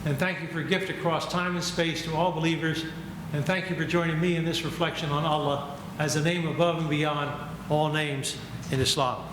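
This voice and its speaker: An older male guest lecturer speaking in a measured, reflective way, with gentle humor, giving a lecture and taking questions. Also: on the high side, steady tone. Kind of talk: academic lecture and Q&A. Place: lecture hall. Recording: echoey hall with ambient noise.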